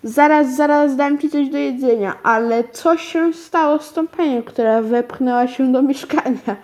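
An elderly aunt from a storybook, flustered and full of questions, fussing over the child in her care, as a woman reader puts her on. The voice sits a touch high. It is plainly read aloud from a children's book. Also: unhurried, darkish tone. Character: fussy, bewildered elderly aunt. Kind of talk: storybook reading.

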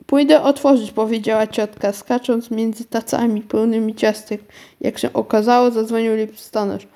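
A woman reading a children's story aloud in calm, gentle narration. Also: on the high side, normal speed.

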